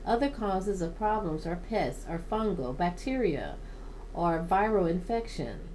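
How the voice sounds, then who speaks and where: Slow, halting woman reading a plant book. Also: lowish voice, sing-song, a little mellow, slight background noise, rough recording. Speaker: plant channel host.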